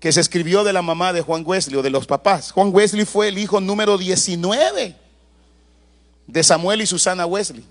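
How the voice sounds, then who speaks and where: A man with a notably high voice delivers a sermon in a church. He preaches in an animated way, with loud bursts and asides to the congregation as he tells family stories. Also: moderate pace. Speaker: pastor.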